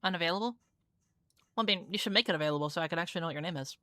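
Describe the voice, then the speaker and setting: A young adult woman running viewer games on a live gaming stream chats casually, swears a lot, and uses "like" over and over. She talks very fast in a fairly low, bright, forceful voice, captured with a dry, clean studio sound.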